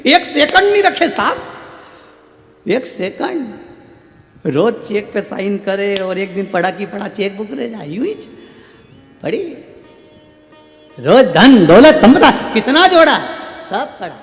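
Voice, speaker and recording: A man's voice: high-pitched, takes it slowly, pauses often. A man preaching a sermon, telling a story and acting out its characters in short bits of dialogue. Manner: animated, acts out characters in dialogue. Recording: echoey hall with faint music.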